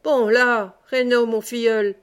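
A woman's voice: a little high, moderate pace, lightly acted. A woman reading the part of a proud, ill-tempered medieval knight who speaks in curt commands. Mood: commanding.

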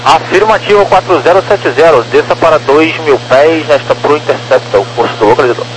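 A man's voice: a little high, brisk. A man giving procedural instructions as an air traffic controller, police-radio style, over a two-way radio. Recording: noisy aviation radio channel with hum.

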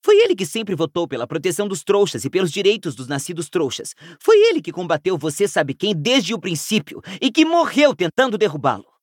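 Brief: Brazilian man doing an earnest teen witch girl for an audiobook, pleading, voice swooping lively and raised. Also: a little high, normal speed, dry recording, studio quality, pitched above the performer's own voice. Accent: Brazilian Portuguese. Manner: pleading, explaining patiently. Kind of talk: audiobook character voice.

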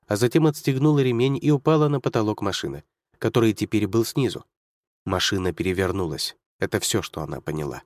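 A man's voice: fairly low pitch, no echo, clean studio sound. A man reading a story aloud in dramatic scripted narration.

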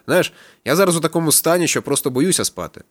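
A man's voice: a little high, lively intonation, fast talker, dry recording, voice pushed up. A man reading an audiobook voices a boozy, fretful male friend who drawls and muses. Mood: uneasy.

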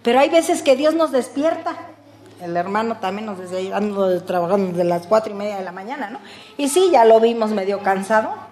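An older woman with a Mexican accent preaching a folksy, conversational sermon, calling her listeners "brothers" and swinging between loud and hushed. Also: medium pitch, animated, normal speed, echoey room. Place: church hall.

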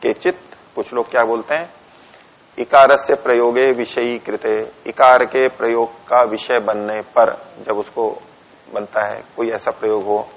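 On a dull, lo-fi lecture recording, a man with a low, creaky voice speaks at a normal speed in a steady tone. He reads Sanskrit lines from a philosophy text, explains each one in Hindi, and dictates punctuation. He also puts questions to the class and answers them himself.

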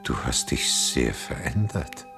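An actor playing an aging, world-weary Odysseus, a wounded and ironic lover, theatrically in a radio play. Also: male voice, very deep voice, sing-song, takes it slowly, music in the background, exaggerated voice. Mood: wistful. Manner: theatrical, swinging from sardonic to brooding.

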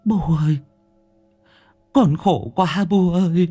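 A man voicing a young wife in a ghost story, crying and pleading in a high, breaking voice. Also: takes it slowly, warm tone, husky, faint music behind. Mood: sobbing. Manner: high, tearful, breaking pleas.

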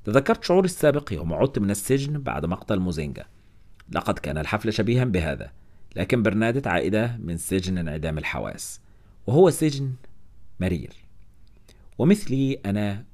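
A man narrating a first-person novel in an expressive storytelling manner, with wry asides. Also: sits low. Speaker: audiobook narrator.

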